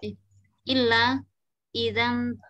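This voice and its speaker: Brief: hesitant woman student reading aloud very slowly, slightly high voice, muffled call audio. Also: flat delivery, a bit bright. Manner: halting, hesitant reading with restarts. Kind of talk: reading Arabic text aloud in class.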